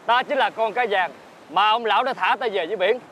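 A man's voice: sits high, a little fast, sharp tone, a little hiss or hum, low-quality recording. An actor playing a young male dragon prince in human form who speaks in a formal, commanding way. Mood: solemn.

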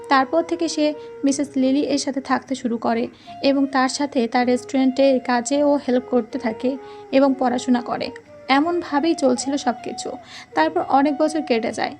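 Female storyteller, high voice, steady scripted narration, soft music underneath. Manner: reads every character's lines in her own voice. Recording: faint music behind.

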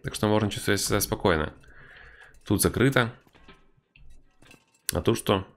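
A man's voice: lowish voice, moderate pace, vocal fry, fairly bright tone. A man giving casual, wry commentary on a horror game playthrough, with mock-tough banter. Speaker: game streamer.

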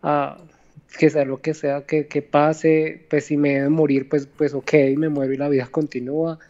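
A man calling in who talks haltingly, repeating words as he searches for what to say. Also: fairly high pitch, level tone, dark tone, dull audio. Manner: hesitant, halting, repeating himself. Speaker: caller.

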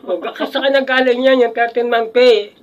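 A man's voice: very high-pitched, steady tone, normal speed, crowd noise. An older man in casual chat, rambling and reminiscing with chuckles and frequent restarts. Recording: muffled lo-fi audio.

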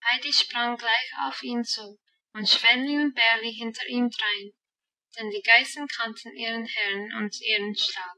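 A woman narrating an audiobook in a calm, even storytelling manner. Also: fairly high pitch, measured pace, distant mic, rough recording. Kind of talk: scripted narration.

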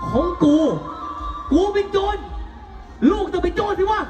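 A gruff bandit father, acted by a man in live folk theater, barking coarse threats. The voice sits high and swings widely, and it echoes across an outdoor stage. Band music and a crowd fill the background. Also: expressive, normal speed. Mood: angry. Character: gruff bandit father, hot-tempered and bullying. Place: outdoor temple fair stage.

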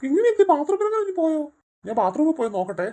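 A woman plays a worried cartoon father with a fairly high voice that swings widely in pitch. He talks quickly and calls out anxiously, yet tries to reassure the kids. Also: big pitch swings, background noise. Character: anxious father searching for his daughter. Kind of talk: cartoon voice acting.

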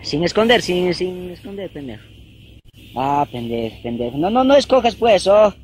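An actor with a Bolivian Spanish accent playing a sly village trader in a film, with a scolding, bossy way of talking. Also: male voice, high-pitched, big pitch swings, moderate pace, a little mellow, a little hiss or hum. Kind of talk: film acting.

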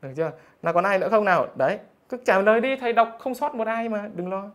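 A man's voice: high voice, fast. A male math teacher, reading out students' scores in a live online lesson in a teasing, jokey way. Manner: teasing, jokey, keeps asking "được chưa?".

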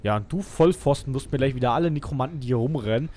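German streamer guy commentating, animated voice, grumbles at his companion, slight hiss. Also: mid-range voice, fast talker. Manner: grumbling and mocking, swears at companion. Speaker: let's play streamer. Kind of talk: casual game commentary.

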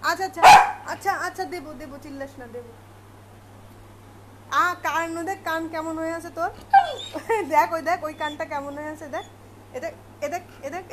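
High-voiced woman scolding her pet. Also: a little fast, pauses often, a bit bright. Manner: scolding and coaxing in baby talk. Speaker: pet owner. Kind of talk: home video, talking to a pet. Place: home at night. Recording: noisy home recording with dog sounds. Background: dog barking and whining.

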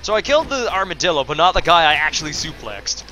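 A man's voice: fairly high pitch, very animated, quick pace, bright, forceful tone. A man giving casual, rambling commentary while playing a video game, full of fillers and self-deprecating asides. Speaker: let's play host.

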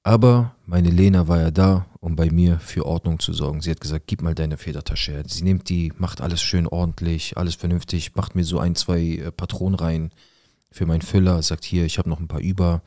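A man's voice: low voice, darkish tone, no echo, clean studio sound. A man narrating a viewer's life story in the first person, in a casual, colloquial way that speaks straight to his viewers.

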